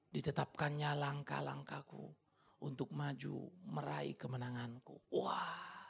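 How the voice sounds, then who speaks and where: A male pastor preaching with a high, gravelly voice and a bright, forceful edge. He swings from hushed, low passages to loud, dramatic outbursts. He throws casual asides straight at the congregation. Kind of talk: sermon.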